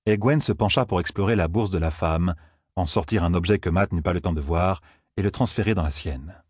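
A man narrating an audiobook in a measured storytelling manner. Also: deep voice, darkish tone, breathy edge, no echo, clean studio sound. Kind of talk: scripted narration.

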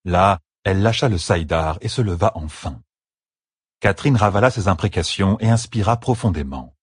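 Man, husky, low voice, expressive lively reading, dry recording. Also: normal speed, dry recording. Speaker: audiobook narrator. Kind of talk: scripted fantasy narration.

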